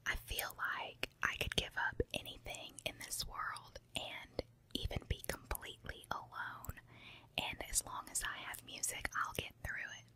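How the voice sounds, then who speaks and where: A woman whispering very close to the mic, ear to ear, in an unhurried, confiding ASMR ramble. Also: bright, forceful tone. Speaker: ASMR video creator. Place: room at home with carpet and window. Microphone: handheld recorder with foam windscreen on tripod, very close.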